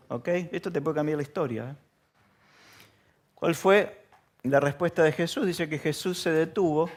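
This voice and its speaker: A man preaches a laid-back sermon as pastor in a church, his Spanish carrying a Rioplatense accent. Questions go out to the congregation, and some lines get acted out as shouts, all at medium pitch.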